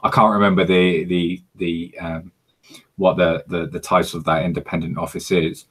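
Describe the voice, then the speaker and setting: Very deep-voiced, halting male host. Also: flat delivery, a bit bright, slightly rough. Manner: halting, many fillers and restarts. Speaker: host of a livestream Q&A. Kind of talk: casual livestream interview. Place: home in South Korea.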